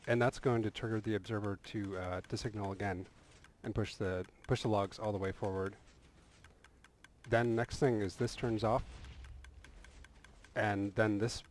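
At a measured pace with frequent pauses, a game tutorial creator with a lowish voice narrates a build in easygoing voice-over. He rambles slightly, often restarting and saying "uh," over slight background noise.

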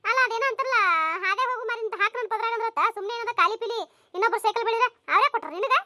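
Super squeaky cartoon voice, nagging village family chatter, bright, dry close mic. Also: fairly even intonation, racing, no room sound. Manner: scolding, nagging village chatter with crying whines. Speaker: cartoon voice performer. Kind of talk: comic village cartoon dialogue.

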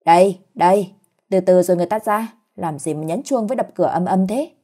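A woman's voice: lowish voice, fairly quick, mellow, lightly acted. A woman voicing a scornful middle-aged mother-in-law who scolds shrilly, in a spoken story. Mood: scolding.

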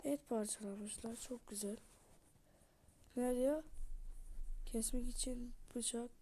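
A woman's voice: fairly high pitch, takes it slowly. A woman casually commenting while playing a horror game, swearing often and talking to her viewers and to the game. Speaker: gameplay streamer. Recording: loud background noise with clicks.

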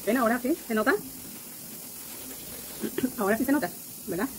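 A woman's voice: fairly high pitch, normal speed, noisy background. A woman chatting through a casual makeup tutorial, talking to her viewers with lots of diminutives. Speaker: makeup vlogger.

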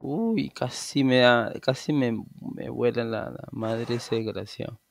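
A Venezuelan man in his thirties streams a game from a small room at home on a headset, chatting casually and rambling with easy restarts. His medium-pitched voice is gravelly and measured in pace, with no echo.

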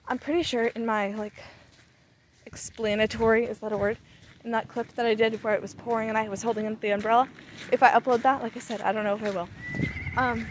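A woman's voice: a little high, noisy background. A young woman in casual, talkative, rambling vlog chat, recorded outdoors on a phone at arm's length as she walks. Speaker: vlogger. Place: outdoors, walking across an open camp.

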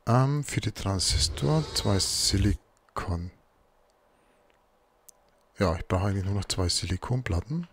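A man's voice: lowish voice, expressive, unhurried, pauses often, slight background noise. A man giving casual let's play commentary, muttering to himself as he works through crafting.

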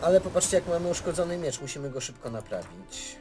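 A man's voice: on the high side, big pitch swings, fast. A man giving casual, playful and self-mocking gameplay commentary as a let's play host. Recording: game music behind the voice.

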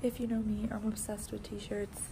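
A young woman chatting casually to her vlog in a bubbly, excitable, slangy sorority-girl manner. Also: medium pitch, normal speed, creaky. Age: young adult. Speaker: vlogger, sorority member. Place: campus patio, halls and bedroom. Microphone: phone at arm's length. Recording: noisy phone recording, background room noise.

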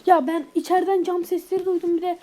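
A woman gaming YouTuber giving jittery, fast-talking gameplay commentary. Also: extremely high pitch, flat delivery, slight background noise, rough recording. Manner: jittery, talks fast when frightened. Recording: loud background game music.

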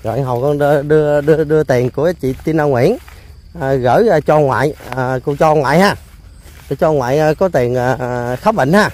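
Hosting a casual on-location interview, a man with a notably high, slightly mellow voice chats away, repeating words and filling pauses with little hesitation sounds.

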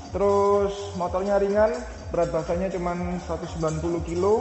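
Showing off a motorcycle in a casual product walkaround, a motovlogger chats through its features and specs, using fillers and correcting himself along the way. His high-sitting voice is a little mellow, and the room sound is spacious with a long reverb tail.

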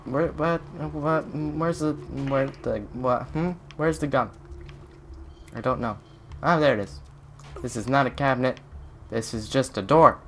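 A man's voice: medium pitch, measured pace, slight background noise. A man giving casual let's-play commentary in a silly, mocking way, full of mumbled asides. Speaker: gaming youtuber.

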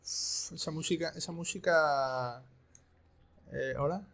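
A man commentating a video game, excitable and repeating his phrases. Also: fairly high pitch, slow pace. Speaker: streamer. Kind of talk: gaming commentary.

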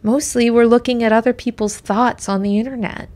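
A woman's voice: a little high, fairly even intonation, brisk, a little mellow, a little hiss or hum. A woman narrating a reflective, scripted personal essay in a wistful, musing way, her voice sometimes sinking toward a whisper. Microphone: voice-over. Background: music.

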